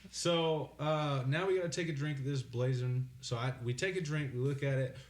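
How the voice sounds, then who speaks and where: A man's voice: medium pitch, normal speed, echoey room. A man, a guest barber, telling a competitive eating story in casual podcast chat.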